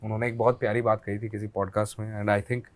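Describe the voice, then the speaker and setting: A young man, a storyteller guest, talking casually and reflectively in an interview, switching to English phrases and growing animated in anecdotes. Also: fairly low pitch, fast. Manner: reflective, mixing Hindi and English, animated when telling anecdotes.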